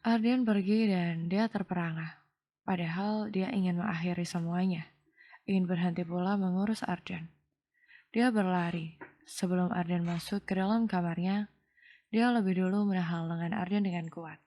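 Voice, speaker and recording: Low, mellow woman narrating a novel. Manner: calm, measured storytelling. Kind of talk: scripted audio novel narration.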